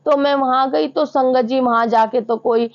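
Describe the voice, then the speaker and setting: A woman's voice: high-pitched, steady tone, normal speed. A young woman earnestly recounting a personal devotional experience to fellow devotees, often addressing them directly. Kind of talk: emotional testimony to a devotional audience. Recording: slightly dull lo-fi sound.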